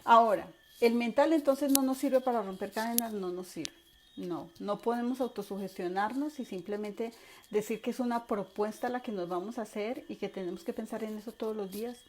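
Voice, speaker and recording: A woman teaching an online course in a mellow, warm voice. She speaks with lively emphasis, repeating words and acting out everyday examples. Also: fairly high pitch, a little fast, slight background noise. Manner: animated, acts out examples with repetition.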